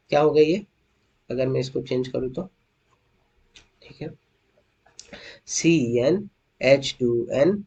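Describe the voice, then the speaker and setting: A man's voice: fairly high pitch, darkish tone, lo-fi sound. A man teaching as a young chemistry tutor. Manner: coaxing students with questions, calls them beta; slows down to spell out formulas. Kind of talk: online lecture, explaining at a board.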